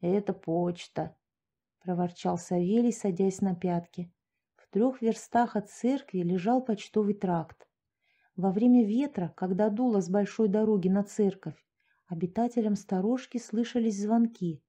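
A woman reading a short story aloud in steady, even audiobook narration. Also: mid-range voice, normal speed.

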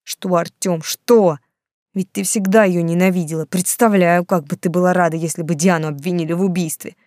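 A woman's voice: lowish voice, fairly even intonation, a little fast, a little mellow, no echo, studio quality, natural voice. A woman voicing an agitated, defiant young man in love, in an audiobook. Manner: agitated, outbursts.

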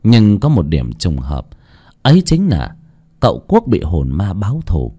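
A man's voice: deep voice, huge pitch swings, measured pace, dark tone, breathy edge. A man narrating a folk horror story in a dramatic storytelling style. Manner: dramatic, swooping delivery.

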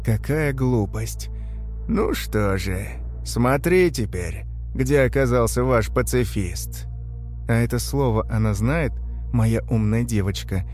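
A man voicing a sadistic, mocking gang leader with a raspy, coughing voice and a slow, taunting drawl. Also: mid-range voice, a little mellow, soft background music, lightly acted. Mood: mock-tender. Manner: slow, taunting, mock-tender.

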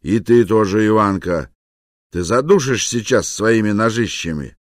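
A harried, defensive husband who grumbles and snaps with sarcasm, as a male narrator voices him. His voice is very deep and the sound is close and dry. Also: lively intonation, unhurried, no echo. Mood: grumbling. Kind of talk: audiobook character voice.

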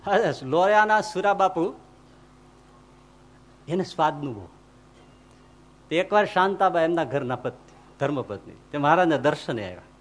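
A man, a swami telling lively devotional stories in a sermon. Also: fairly high pitch, normal speed, long pauses. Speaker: swami preacher.

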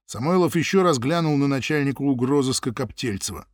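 A man narrating an audiobook in a vivid, expressive storytelling manner. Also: mid-range voice, brisk, dry recording, clean studio sound. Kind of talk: scripted narration.

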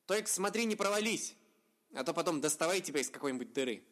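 A man's voice: a little high, voice pushed up. A man voicing a cheeky young male fox who teases his friend. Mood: teasing. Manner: teasing, quick, lively.

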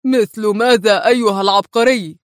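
Curt irritable male boss, voiced by a woman reader, sharp tone, dry close sound. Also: mid-range voice, brisk, dry recording, lightly acted. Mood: irritated. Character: irritable adult male security chief, sharp-tongued.

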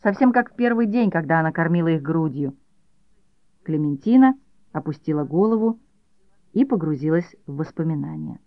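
An audiobook narrator reading a literary story in an even, measured way. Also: mid-range voice, no room sound, muffled recording.

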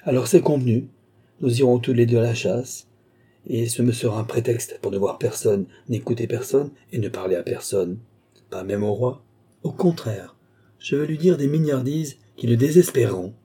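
Haughty noble countess, a man reading her, husky and dark-toned, audiobook. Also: medium pitch, normal speed. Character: proud, quick-tempered noble countess. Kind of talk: audiobook character voice.

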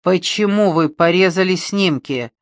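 A reader voicing a calm male police detective who questions softly and persistently in an audiobook. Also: medium pitch, a little slow, dry recording, studio quality, lightly acted. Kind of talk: audiobook reading.

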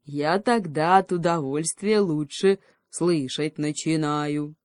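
Brash mocking storybook pig, read by a woman, slow and loud. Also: low-pitched, dry recording, studio quality. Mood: lazy teasing. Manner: brash, drawling, scolding. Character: sly boastful female pig, loud and mocking.

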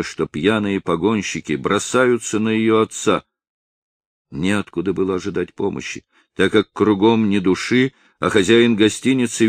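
A man narrating a historical novel in a steady, measured reading. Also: fairly low pitch, no echo, clean studio sound. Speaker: audiobook narrator. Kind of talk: scripted narration.

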